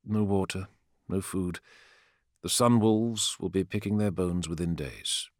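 Guy voicing a calm cocky young man, low and hushed, dry audiobook sound. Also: unhurried, no echo. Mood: dismissive. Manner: quiet, low and flat. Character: calm, self-assured male youth.

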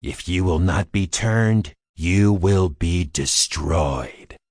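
An actor playing a sinister old male emperor, a gloating tyrant who taunts slowly in a husky, menacing voice. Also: deep voice, darkish tone, dry recording, clean studio sound, heavily acted. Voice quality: gravelly, husky, menacing whisper-like delivery. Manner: slow, taunting, relishing cruelty.

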